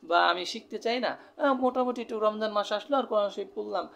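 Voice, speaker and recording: A man's voice: sits high, fast talker, creaky, a bit bright, muffled recording. Man explaining a recitation lesson. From Bangladesh. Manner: explanatory, repeats terms, frequent fillers. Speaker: Quran teacher. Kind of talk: spoken Quran recitation lesson.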